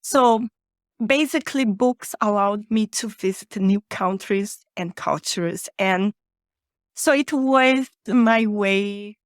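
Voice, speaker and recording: Speaking slowly in a mid-range voice, a woman from Rio de Janeiro appears as a guest on a podcast, conversing naturally in an interview. She's an author and podcaster whose native language is Portuguese, with a Brazilian accent. The studio recording is clean, with no echo.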